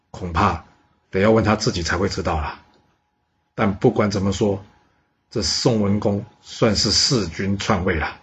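A man's voice: on the low side, a little hiss or hum. A man telling an ancient history story in a chatty way, with rhetorical questions.

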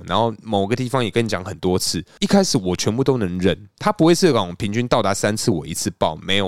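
A low-voiced man co-hosts a relaxed podcast chat. He acts out the rants he quotes with some heat. The recording is dry and close. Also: no room sound. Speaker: podcast co-host. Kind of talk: casual chat.

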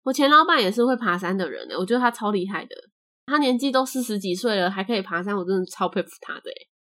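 A woman's voice: mid-range voice, lively intonation, quick pace, sharp tone. Chatty young Taiwanese woman host. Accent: Taiwanese Mandarin. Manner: chatty, laughs often, trailing sentence ends. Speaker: podcast host. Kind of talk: casual chat.

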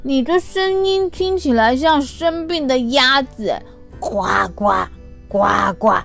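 A woman's voice: high voice, lively intonation, takes it slowly, faint music behind, voice pushed up. A woman reading a storybook to small children, voicing a mocking schoolboy bully. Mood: taunting.

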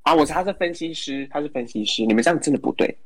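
A man's voice: on the high side, racing. Teasing man. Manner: reactive, teasing listener. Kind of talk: casual chat.

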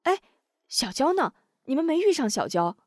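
A woman voicing a brisk, sharp-tongued female fighter in a martial-arts audiobook. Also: fairly low pitch, lively intonation, no room sound, clean studio sound. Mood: anxious.

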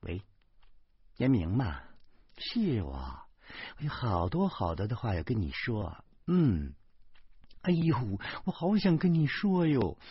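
A man voicing a furious, nagging middle-aged wife who scolds in shrill, stammering outbursts, on a dull, dry recording. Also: wildly swooping pitch, takes it slowly, long pauses, husky, no echo, exaggerated voice. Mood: coy.

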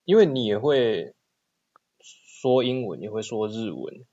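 A man's voice: lowish voice, animated, measured pace, dark tone, muffled recording. A man with a Taiwanese accent chatting casually as a podcast co-host. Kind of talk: casual chat.

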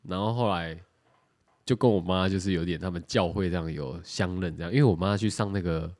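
A man's voice: deep voice, brisk, a little mellow. A man with a Taiwanese Mandarin accent, co-hosting a podcast and telling a story in casual chat, laughing often and swearing casually. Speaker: podcast co-host.

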